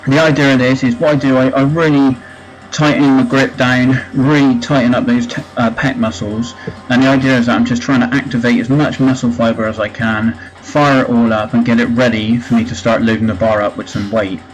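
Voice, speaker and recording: A man talks casually through his training session, at an ordinary middle pitch. He explains as he goes, with plenty of ums and restarts, and clear guitar music plays behind him. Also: a little fast, poor audio. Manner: relaxed, hesitant with frequent ums. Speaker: fitness vlogger.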